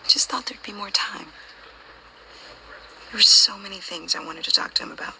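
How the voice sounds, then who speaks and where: A woman playing a grieving, hurt and suspicious young daughter in a video game, breathy and creaky, with a raw, probing delivery. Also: mid-range voice, moderate pace, sharp tone, in a whisper, rough recording. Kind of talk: video game dramatic acting.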